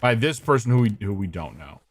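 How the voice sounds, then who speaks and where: A young man streaming a mystery game and puzzling over clues out loud. His pitch moves a lot as he talks. He jumps between thoughts, swears, and stops to greet viewers. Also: very animated, fairly quick. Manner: thinking aloud, scattered, swearing, greeting chat. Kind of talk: casual gameplay commentary.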